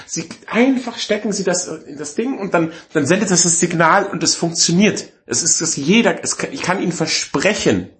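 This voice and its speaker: A man's voice: sits high, animated, normal speed, few pauses, a bit bright, pitched above the performer's own voice. A man voicing an eager female hotline agent who promises everything will work. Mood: reassuring.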